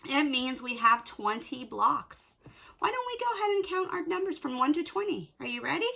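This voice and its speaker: A woman's voice: sits high, sing-song, normal speed, vocal fry, sharp tone. A woman teaching young children from home, cheerful and encouraging, counting and reading aloud in a sing-song way. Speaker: preschool teacher. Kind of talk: children's video lesson and read-aloud. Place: at home, indoors.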